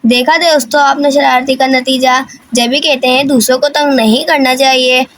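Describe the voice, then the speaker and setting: A woman's voice: high voice, fairly even intonation, normal speed, a bit bright. A woman narrating a children's moral cartoon story and spelling out its lesson.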